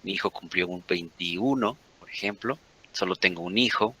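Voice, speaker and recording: A man's voice: sits low, normal speed, sharp tone, slightly rough. A Mexican man in his forties, a guest in a conversational interview, rambling and often correcting himself mid-sentence. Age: 40s.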